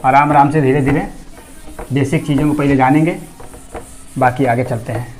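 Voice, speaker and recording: A man teaching English grammar, asking questions to the class, answering them himself, and reading example sentences slowly word by word. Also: medium pitch, steady tone, darkish tone, slight background noise. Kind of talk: explanatory classroom lesson.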